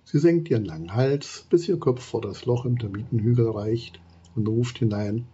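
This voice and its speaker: A man narrating a children's story in a gentle, expressive way, with a husky voice. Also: medium pitch, normal speed, dull audio. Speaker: audiobook narrator.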